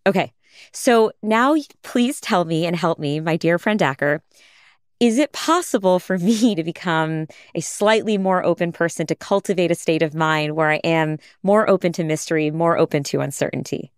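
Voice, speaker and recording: A woman's voice: lowish voice, normal speed, clean tone, dry recording, clean studio sound. A woman hosting a podcast interview, talking in a playful, self-deprecating way and laughing often. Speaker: podcast host. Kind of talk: conversational interview.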